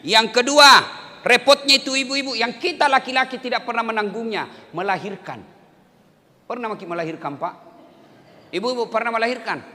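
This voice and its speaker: A man's voice: very high-pitched, normal speed, sharp tone. A male preacher with a Makassar-flavored Indonesian accent, giving a joking sermon, quizzing his congregation and acting out little scenes. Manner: joking, asks the audience questions, acts out scenes. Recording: reverberant hall, faint background noise.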